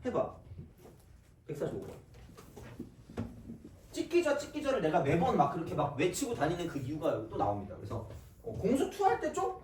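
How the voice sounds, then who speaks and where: A male math teacher giving a casual, joking lecture to his students, with quick asides. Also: a little high, darkish tone, slight background noise. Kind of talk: recorded classroom math lecture. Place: classroom. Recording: echoey classroom, mic at a distance.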